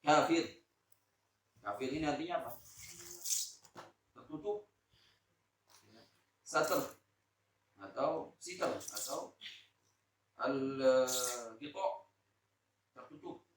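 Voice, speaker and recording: A man from Lombok giving a Quran exegesis lecture to teachers, shifting between loud emphasis and soft asides, and drawing out Arabic words slowly. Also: medium pitch, lively intonation, slight background noise. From Lombok, Indonesia. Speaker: Islamic teacher. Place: school hall, indoors. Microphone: phone camera recording. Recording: echoey room, distant phone mic.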